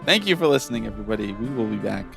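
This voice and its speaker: A man's voice: on the low side, animated, rapid-fire, creaky, loud music behind the voice. A man co-hosting a podcast in casual chat, joking, laughing often and trailing off mid-sentence. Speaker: podcast co-host.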